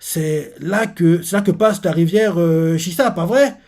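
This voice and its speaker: A man voicing a smooth-talking young man courting a maid, polite and feigning shyness. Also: high-pitched, a little slow, a little mellow. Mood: courteous.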